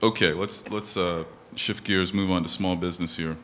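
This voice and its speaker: A man's voice: sits low, fairly even intonation, normal speed, heavy background noise. A man moderating a panel, formally reading out a guest's background and asking questions. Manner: formal, reads from notes.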